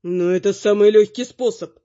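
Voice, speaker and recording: An unflappable demon man, as a woman reader voices him, detached and commanding, in her own middling pitch. The storybook audio is muffled and lo-fi. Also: normal speed, natural voice. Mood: calm. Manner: unperturbed, flat, commanding. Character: calm detached male demon bodyguard. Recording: muffled lo-fi recording.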